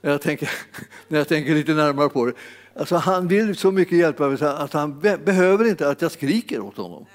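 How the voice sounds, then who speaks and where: A man's voice: a little high, animated. Predikande man med eko i lång salsklang. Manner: halting, repeats words, rises to exclamations. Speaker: preacher. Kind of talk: sermon. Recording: long hall reverb.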